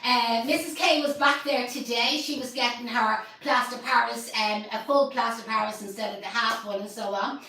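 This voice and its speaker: A woman's voice: on the high side, steady tone, moderate pace, hardly any pauses, pushed and bright, heavy reverb, far from the mic, rough recording. An Irish woman hosting a casual live stream, chatty and joking, laughing often. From Ireland. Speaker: host.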